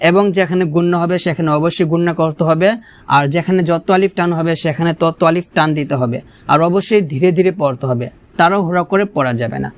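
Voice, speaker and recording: A man with a Bangladeshi Bengali accent teaching Quran pronunciation, drilling syllables slowly and correcting each sound before reciting in a drawn-out melodic chant. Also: a little high, dry recording. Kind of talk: slow tajweed lesson with recitation.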